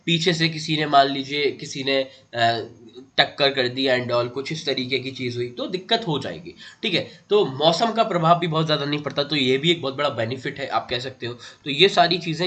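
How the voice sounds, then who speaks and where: Male exam-prep teacher, a touch higher than average, bright forward tone, patient and repetitive, calls students beta. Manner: addresses viewers as beta, repeats key facts, often adds "theek hai". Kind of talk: online exam-prep lesson.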